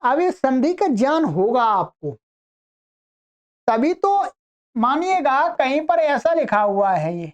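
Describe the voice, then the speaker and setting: A woman teaching Sanskrit grammar online, explaining patiently step by step and drawing out example words slowly. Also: high voice, sing-song. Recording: dull lo-fi recording.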